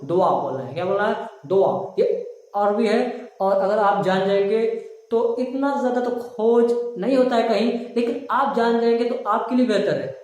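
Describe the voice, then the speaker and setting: A man's voice: high voice, darkish tone. A man teaching a spoken diction lesson, drilling words and asking questions to the viewer. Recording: very echoey room.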